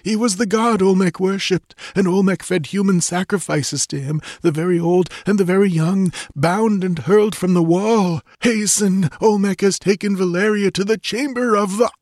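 A man's voice: high voice, moderate pace, few pauses, a little mellow, dry recording, clean studio sound, pitched above the performer's own voice. A man voicing a wounded warrior who is dying, gurgling and choking out urgent warnings. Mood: desperate dying. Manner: gurgling, choked urgent pleading.

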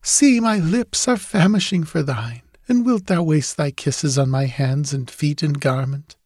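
A woman's voice: deep voice, a little slow, darkish tone, husky, dry recording, studio quality, pitched above the performer's own voice. A man voicing a tender, pleading young French woman's ghost in an audiobook, speaking with a French accent and old-fashioned phrasing. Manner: pleading, archaic speech.

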